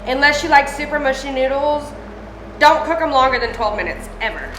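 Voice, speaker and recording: A woman's voice: sits high, a little fast, fairly bright tone, slight background noise. A woman hosting a home cooking video in a casual, chatty way, informal and rambling, recorded indoors in a kitchen. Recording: echoey room with background music.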